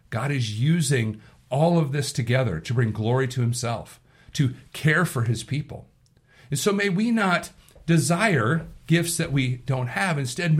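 A pastor leads a devotional sermon and prayer, his medium-pitched voice hoarse from allergies. He speaks earnestly, frequently repeating words while gathering his thoughts.

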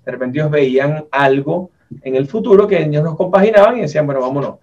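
This fast-talking entrepreneur and interviewer is a man in his forties with a Venezuelan accent and a fairly high, darkish voice. He spins casual stories in everyday speech, frequently ending lines with tag questions, captured on a muffled recording from a distance.

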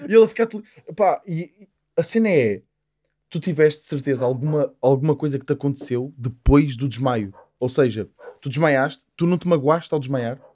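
A man's voice: mid-range voice, moderate pace, a little mellow. A young man in casual podcast chat, joking and asking questions. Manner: joking, inquisitive. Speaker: podcast co-host.

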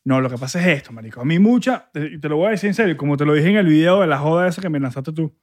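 Venezuelan guy stumbling through a story, tosses in english, slightly high voice. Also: animated. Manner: halting, mixes in English phrases. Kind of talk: casual chat.

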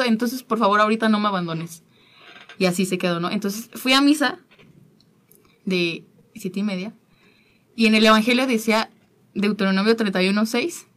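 A woman, guest on a talk show, telling a personal faith story in an earnest, halting way, often repeating her words. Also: on the high side, fairly bright tone.

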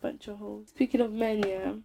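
A woman in her twenties with a London accent tells stories in a casual, animated chat, full of slang and repeated words for emphasis. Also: mid-range voice, moderate pace, creaky, background noise.

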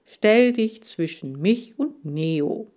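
A woman voicing a clever, calm male hamster who explains things in a measured, dry way. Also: mid-range voice. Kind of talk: audiobook character voice.

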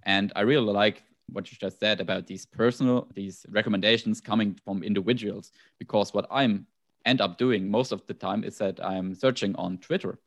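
A man with a German accent in a relaxed podcast conversation, thinking aloud with frequent restarts and asides. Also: lowish voice, moderate pace.

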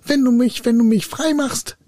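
A man's voice: steady tone, moderate pace, warm tone, no echo, clean studio sound. Man doing Mercurius, a boastful bottle spirit. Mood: whining. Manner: booming threats, whining pleas. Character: huge boastful male bottle spirit, menacing yet wheedling.

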